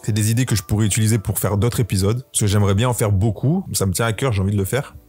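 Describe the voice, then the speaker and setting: A man's voice: lowish voice, steady tone, rapid-fire, a little mellow, slightly rough, soft background music. A man, talking casually to camera about his channel, rambling with lots of fillers and restarts. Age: 20s. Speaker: YouTuber hosting his own podcast. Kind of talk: casual solo talk to camera.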